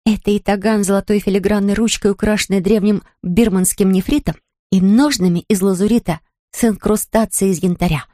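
A woman's voice: medium pitch, brisk, mellow, no echo, studio quality, lightly acted. A woman voicing a haughty, theatrical young woman. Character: playful young woman acting out roles. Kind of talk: audiobook character reading.

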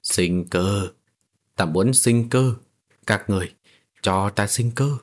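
A man's voice: fairly low pitch, takes it slowly. A man reading a storybook voicing a rotting, vain undead young man who speaks in a dull, decayed groan. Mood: rotting wail.

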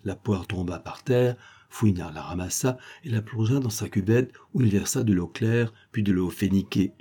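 A man narrating a French detective novel as an audiobook reader, in a measured, expressive way. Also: on the low side, slightly rough. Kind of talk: scripted narration.

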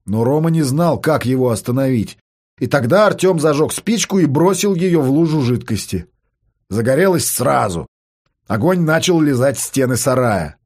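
A man reading a story aloud, narrating in a steady, dramatic way. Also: medium pitch, normal speed.

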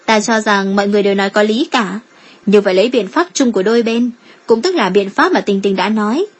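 A calm, shrewd female guild strategist weighs her options in a measured, reasoning tone, as a woman reads her lines. The voice is slightly breathy and sits at an ordinary middle pitch. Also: lightly acted.

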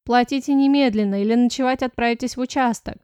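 A woman's voice: on the high side, quick pace, a little mellow, clean tone, no echo, lightly acted. A woman reader voicing a stout middle-aged male notary who speaks dryly and curtly in an audiobook. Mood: gruff. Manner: dry, curt, barking.

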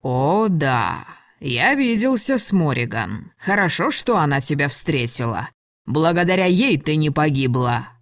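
Stern dragon lord, cold and clipped, read by a woman lowering her voice, dry studio tone. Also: very animated, a little slow, no echo, heavily acted. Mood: curt. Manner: icy, clipped commands.

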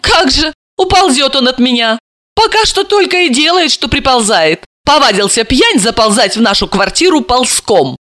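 A woman's voice: a little high, sing-song, normal speed, bright, forceful tone, dry recording, voice pushed up. A woman voicing a teasing, sarcastic daughter in her thirties who mocks her mother. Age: 30s.

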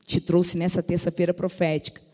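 A woman's voice: on the low side, flat delivery, brisk, mellow. A woman pastor preaching a sermon, fervent, calling out to the congregation. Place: large church sanctuary. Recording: reverberant church hall.

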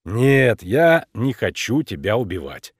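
A man's voice: on the low side, sing-song, slow, no echo, studio quality, heavily acted. A man voicing a tired grown actor who answers a child reluctantly and skeptically. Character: weary grown male actor, skeptical and dry.

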